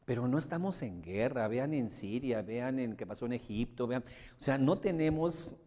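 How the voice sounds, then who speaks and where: A seminar speaker addresses an audience in a large room, his mid-range voice at a normal speed echoing in the reverberant hall. He's a lively, motivational storyteller who performs the quoted voices of his characters.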